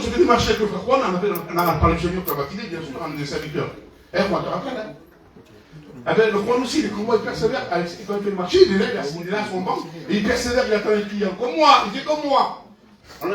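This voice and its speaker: An older man, a pastor, preaching emphatically with repeated questions and bursts of shouting. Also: extremely high pitch. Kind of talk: sermon. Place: large echoey hall. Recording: very echoey hall, voice from a distance.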